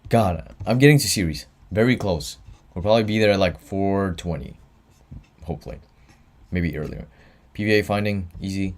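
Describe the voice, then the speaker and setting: A student tutor, young and tired, hosts a livestream exam review, casually answering chat between explanations. He speaks at normal speed in a deep voice.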